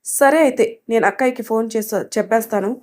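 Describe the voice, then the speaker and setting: A woman voicing an affectionate, decisive middle-aged father in a spoken story, calm and fond in manner. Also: a little high, fast, lightly acted.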